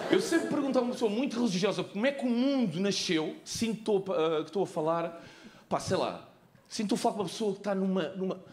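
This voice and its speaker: A brash, profane stand-up comedian with a European Portuguese accent works a live theatre crowd, his voice a bit high and bouncing wildly between loud punchlines and muttered asides. The sound is roomy, with audience noise clearly heard around him.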